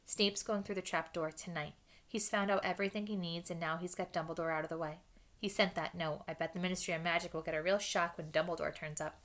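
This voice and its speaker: A woman's voice: on the low side, steady tone, quick pace, fairly bright tone, close to an everyday voice. A woman reading a storybook aloud and voicing a determined schoolboy wizard who speaks urgently and insistently.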